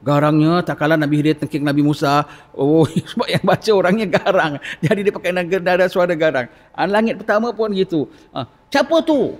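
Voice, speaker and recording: Seorang lelaki berloghat Malaysia menyampaikan kuliah agama di masjid, bercerita dengan bersemangat dan menghidupkan dialog. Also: male voice, on the high side, brisk. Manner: animated, acts out dialogues, frequent "ha?". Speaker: religious lecturer. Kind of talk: mosque sermon lecture. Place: mosque. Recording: long reverb of a mosque hall.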